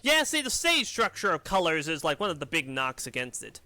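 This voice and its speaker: A man streaming a video game, chatting casually in an animated, rambling way and laughing often. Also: fairly high pitch, fairly quick, dry recording. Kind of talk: casual gameplay commentary. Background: soft game music.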